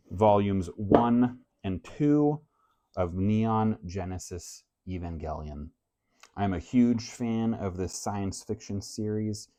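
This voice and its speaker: A man who grew up in France, talking casually to camera about his reading list in a relaxed, measured way. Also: lowish voice. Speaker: book vlogger. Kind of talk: casual book talk to camera.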